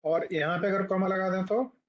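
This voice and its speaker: A man teaching a class, his voice sitting a little on the high side as he explains each point step by step and keeps asking his listeners questions. He pauses to write on the board as he goes. The recording is dull and lo-fi. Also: fairly even intonation. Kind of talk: classroom lecture.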